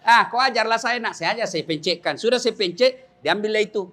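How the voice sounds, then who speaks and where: A middle-aged man, preaching a comic sermon with lively storytelling, shouting punchlines and laughing with the crowd. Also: high voice, fairly quick. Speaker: Islamic preacher. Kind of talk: comic sermon to a large gathering.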